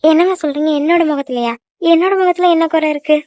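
A jealous young girlfriend in a cartoon, voiced by a woman in a high, rapid voice. She scolds and sulks in quick bursts. The sound is dry and close, with no room around it. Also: a little mellow, no echo, muffled recording, lightly acted. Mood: curious, pleading. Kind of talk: cartoon voice acting.

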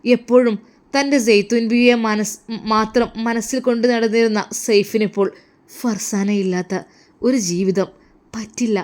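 A woman's voice: a little high, steady tone, moderate pace, darkish tone. A woman narrating a religious romance story with an emotive, flowing delivery.

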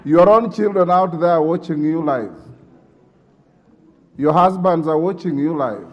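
Shouting fills the big parliament chamber as its middle-aged speaker sternly demands order and lectures the members. His pitch is fairly high and his pace measured.

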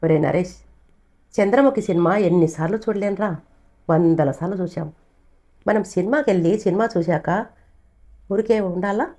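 Woman doing a bold young man, firm and reassuring, low husky voice, storybook. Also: normal speed, long pauses, dark tone, close to an everyday voice. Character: bold, scheming young man, loyal friend.

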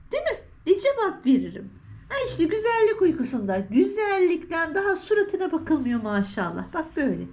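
A woman's voice: sits high, darkish tone. A woman vlogging with her cats on a balcony, talking to them in doting, cooing baby talk. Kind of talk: casual talk to pets. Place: outdoor balcony.

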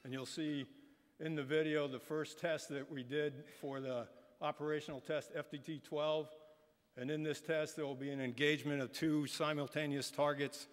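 A middle-aged man giving an informal, somewhat halting briefing as a military panelist at a conference podium. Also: on the high side, flat delivery. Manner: casual, halting with fillers and restarts. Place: large conference hall stage. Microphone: podium microphones. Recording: reverberant hall.

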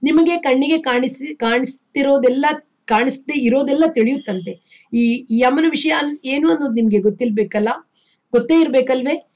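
A woman's voice: high voice, moderate pace, darkish tone, voice pushed up. An outspoken, urging woman, read by a narrator. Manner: direct, urging.

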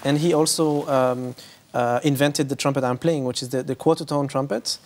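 A Lebanese musician in his thirties answers interview questions as a guest, using many fillers and restarts. His voice is medium in pitch and steady in tone at a normal speed, recorded on a lapel mic indoors in a bright room with big windows, with noise in the background.

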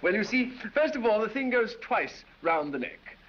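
In 1930s film acting, a man plays a foppish, affected English aristocrat with an English accent, drawling and silly and laughing at his own jokes in foppish banter. His voice is high-pitched with big pitch swings at normal speed, on a dull 1930s soundtrack with faint hiss.

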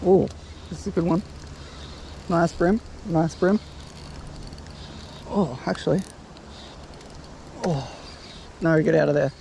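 Man, Australian accent, young adult, gravelly, mellow, excitable fishing chat, outdoors on a lake bank. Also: a little high, takes it slowly, long pauses, a little hiss or hum. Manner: excited, swears, cheers fish on. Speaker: fishing vlogger. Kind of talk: casual chat while fishing. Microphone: chest-mounted action camera.

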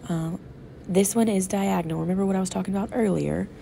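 A fast-talking woman with a mid-range, steady, creaky and dark voice demonstrates painting for young kids, instructing them patiently as she goes. The art teacher is sick, congested and sore-throated. Recorded off-camera over an overhead tabletop camera at a classroom table, the audio carries a little hiss or hum.

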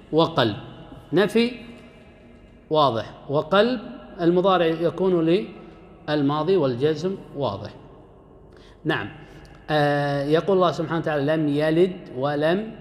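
A man teaches a grammar class in a somewhat high voice. He lays out each rule step by step and puts questions to the room before answering them himself. When he quotes a verse he slows right down and gives each word its weight. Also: slight background noise. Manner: recites quoted verses slowly and deliberately. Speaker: grammar lecturer. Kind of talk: classroom lecture.

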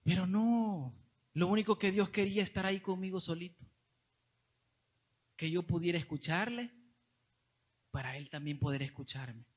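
A man's voice: high voice, normal speed, pauses often. A young man from El Salvador with a Salvadoran Spanish accent, telling a testimony in a sermon and often calling listeners brother. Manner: animated storytelling, addresses listeners as brother. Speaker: preacher.

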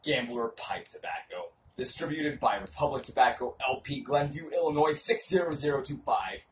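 A man's voice: medium pitch, expressive, normal speed. A young man giving a mock dramatic reading in a theatrical, hammy stage-actor manner, mock-serious, recorded outdoors on a porch. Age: young adult. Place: covered porch outdoors at night. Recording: distant, noisy porch camera audio.

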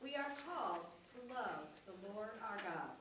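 A woman's voice: medium pitch, sing-song, unhurried. A woman earnestly announcing a concert and leading a call to worship in a church, with a little hesitation. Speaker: church member and orchestra musician. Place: church sanctuary, indoors.

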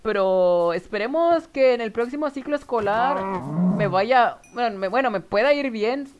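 A man's voice: extremely high pitch, animated, normal speed, lo-fi sound, a little hiss or hum. A young man with a northern Mexican accent, chatting casually to viewers while streaming a game, rambling with nervous giggles. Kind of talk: casual live game commentary.

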